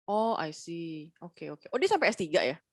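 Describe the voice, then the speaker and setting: Lowish-voiced woman hosting a chatty interview. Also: sing-song, moderate pace, no echo. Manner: friendly, affirming, fillers, mixes English phrases. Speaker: podcast host.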